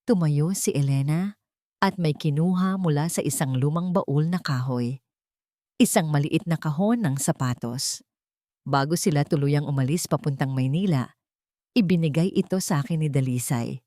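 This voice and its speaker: A woman with a Filipino accent narrates a scripted dramatic story. Her voice is low and dark, delivered at a moderate pace, with studio-quality sound and no room noise.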